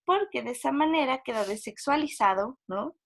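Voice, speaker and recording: A woman's voice: high voice, lively intonation, moderate pace, gravelly. A woman giving a university psychology lecture, explaining with frequent tag questions and acting out quoted inner voices.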